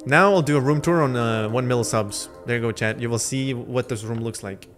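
With music in the background, a young Lithuanian-native man chats with his live audience while gaming from his home setup. His voice sits at a medium pitch with a moderate pace, and he talks through a headset in a rambling, slangy way, fielding chat messages between plays.

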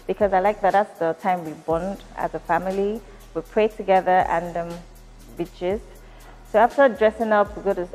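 Speaking from inside a factory, a Nigerian founder in her thirties fields interview questions thoughtfully, at a measured pace, with frequent fillers. Her medium-pitched voice carries a darkish tone in a big-room sound, and the audio quality is poor.

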